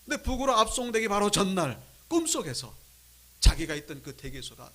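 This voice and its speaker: Male pastor, dramatic sermon storyteller, bright, forceful delivery. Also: sits high, big pitch swings, fairly quick. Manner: dramatic storyteller, swinging from loud to hushed. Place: church sanctuary.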